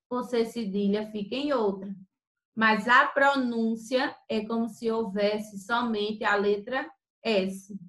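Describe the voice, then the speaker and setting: A woman teacher giving a grammar lesson, spelling out sounds slowly and then explaining quickly. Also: a little high, pushed and bright, roomy sound, low-quality recording.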